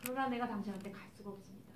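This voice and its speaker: A woman's voice: mid-range voice, rapid-fire, slight background noise, pitched below the performer's own voice, lightly acted. A woman voicing a desperate blind male beggar who earnestly pleads for help, recorded in an echoey hall from a distance. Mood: pleading.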